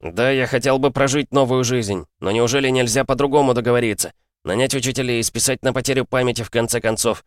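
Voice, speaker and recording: A man's voice: lowish voice, a little fast, no echo, studio quality, pitched above the performer's own voice, lightly acted. A man voicing a defiant young man held captive, heated and indignant, in an audiobook. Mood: furious. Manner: heated, indignant, sharp outbursts. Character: young man trapped in a strange world, angry and defiant. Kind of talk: audiobook character voice.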